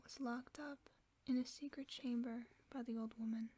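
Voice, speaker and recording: A woman whispers softly and soothingly close to the mic, voicing a gentle, protective werewolf friend in a sleep-aid audio roleplay. Her whisper is a little high, steady in tone, moderately paced, with a breathy edge, and the mood is storytelling.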